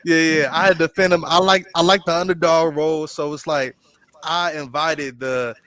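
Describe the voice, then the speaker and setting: A man's voice: fairly high pitch, level tone, normal speed, fairly bright tone. A man in his thirties chatting casually on a sports podcast, laid-back and full of fillers. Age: 30s. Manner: laid-back, lots of fillers and repeated yeahs. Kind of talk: casual chat.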